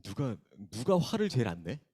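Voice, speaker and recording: A man's voice: mid-range voice, wildly swooping pitch, moderate pace, dark tone, breathy edge. A young man, a youth pastor, opening a casual sermon by bantering with the students and calling on them by name. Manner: bantering, teasing, calls on listeners by name. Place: church worship hall.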